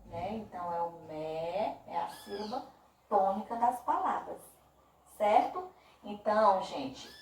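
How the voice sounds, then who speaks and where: A Brazilian Portuguese-speaking woman teaching a primary school class by video, drawing out each word slowly and speaking with affectionate diminutives. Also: mid-range voice, darkish tone, reverberant, distant mic, slight background noise, rough recording. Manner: slow, drawn-out emphasis on words. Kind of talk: remote class video lesson.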